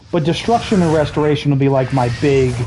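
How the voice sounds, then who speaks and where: A game streamer chats casually over gameplay, explaining mechanics with dry, jokey asides. His voice is mid-range and warm, though his throat is a bit rough and he coughs now and then.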